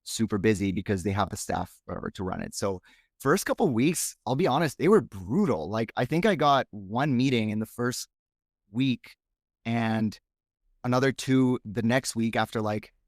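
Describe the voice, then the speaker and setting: Speaking at normal speed with lively intonation in a mid-range voice, a Romanian-born man whose first language is Romanian appears as a guest on a podcast. He is frank and reflective in the casual chat, thinking aloud, and the studio recording is clean and dry.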